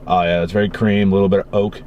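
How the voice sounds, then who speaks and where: Reviewing a cigar from his car on a rainy day, this young Massachusetts man talks fast in a low, flat voice, rambling casually and cursing freely for his vlog. The audio has its highs cut off and slight background noise.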